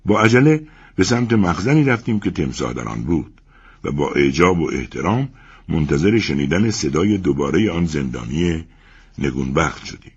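A male narrator reads a story aloud with a gravelly, husky voice. His pitch rises and falls in a lively way as he tells it. The recording is dull and lo-fi. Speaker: audiobook narrator. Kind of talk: storybook reading.

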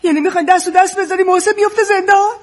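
Sobbing, high-voiced desperate sister. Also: female voice, fairly even intonation. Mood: pleading. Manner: pleading, bursts into shouting. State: crying. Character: desperate grown woman, sobbing older sister. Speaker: distraught sister and wife. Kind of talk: TV drama acting.

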